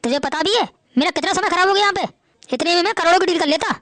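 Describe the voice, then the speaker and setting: A woman's voice: very high-pitched, rapid-fire, fairly bright tone, no echo. A woman playing an arrogant, boastful rich son-in-law in a family drama, bossy and scornful. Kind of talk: Hindi family drama acting.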